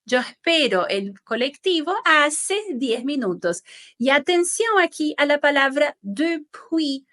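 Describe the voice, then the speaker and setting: Woman, slow careful teacher, bright high voice. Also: expressive. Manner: patient and careful, checking in with "¿sí?" and modelling pronunciation slowly. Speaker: French teacher. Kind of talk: slow, clear language lesson.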